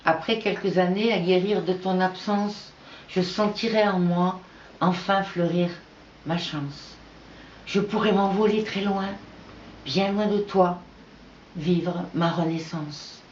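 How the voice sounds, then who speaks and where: A woman reading her own poetry aloud in an unhurried, measured recitation with pauses between verses. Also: on the low side, steady tone, slight background noise. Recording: echoey, dull lo-fi room recording.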